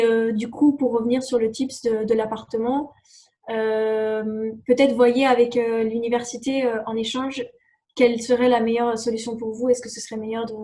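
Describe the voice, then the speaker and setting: A fairly high, mellow voice belongs to this young adult woman, an exchange student guest whose first language is English. She answers the interview questions in a relaxed manner, stumbling through restarts and fillers.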